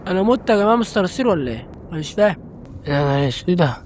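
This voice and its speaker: A man's voice: sits high, big pitch swings, racing, a little mellow, slight background noise. A young man with an Egyptian Arabic accent, giving jumpy let's-play commentary and exclaiming to his viewers as he plays. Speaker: gaming channel host.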